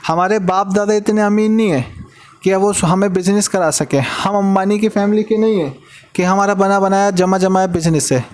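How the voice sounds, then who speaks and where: A man with a high voice teaches a maths lesson in a relaxed, chatty way. He speaks to his students like an older brother giving advice, and he often repeats a word several times to drive a point home. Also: moderate pace. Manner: talks like a big brother, repeats words for emphasis.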